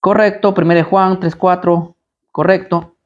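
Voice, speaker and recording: A man's voice: high-pitched, level tone, moderate pace, highs cut off. Combative man preaching with rhetorical questions. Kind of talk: live Bible study preaching.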